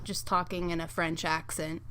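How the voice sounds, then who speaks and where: A woman hosting a podcast in casual chat, upbeat and quick to laugh. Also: on the low side, level tone, fairly bright tone, slight background noise. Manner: giggly, upbeat. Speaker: podcast host.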